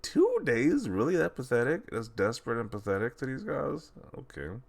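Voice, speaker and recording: With a mid-range, sing-song, creaky voice at normal speed, this video host delivers casual reactions to social media posts. He mocks what he sees, sounds incredulous, and chuckles frequently.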